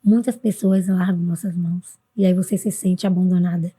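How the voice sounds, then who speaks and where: Earnest Brazilian woman with a mellow voice. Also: fairly even intonation, moderate pace, husky. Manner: earnest, with sudden high-pitched bursts when quoting others. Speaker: podcast guest, mentor for women. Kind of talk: casual interview talk.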